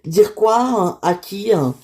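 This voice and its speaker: Caring dad, played by a woman, pitched up, mellow and affectionate. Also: expressive, takes it slowly, slight background noise. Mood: cheerful. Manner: chatty, affectionate. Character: fatherly middle-aged dad, caring and teasing. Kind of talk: homemade toy-figure drama.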